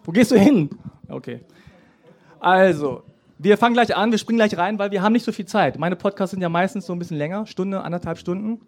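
Man, podcast host, high voice, casual, teasing, live interview. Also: brisk. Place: outdoor festival stage.

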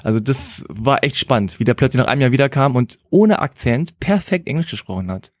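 Measured man telling stories in chat. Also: mid-range voice, sing-song, no echo, clean studio sound. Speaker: conversation partner. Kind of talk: casual chat.

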